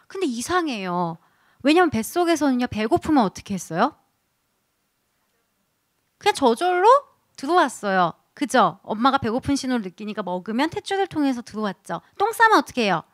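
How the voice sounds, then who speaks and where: A woman giving a lively parenting lecture, acting out what babies think. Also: on the high side, fairly quick, no room sound, clean studio sound. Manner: animated, acts out baby voices.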